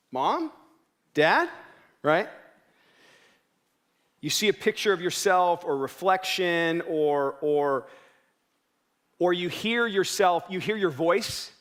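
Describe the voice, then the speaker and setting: Guy preaching a sermon, fairly high voice, chatty, keeps asking the room questions. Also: a bit bright. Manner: conversational, self-interrupting preaching with rhetorical questions. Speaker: pastor.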